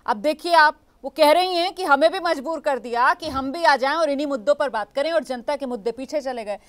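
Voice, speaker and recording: A woman's voice: sits high, brisk. A woman news anchor moderating a TV debate, firmly steering her guests back on topic.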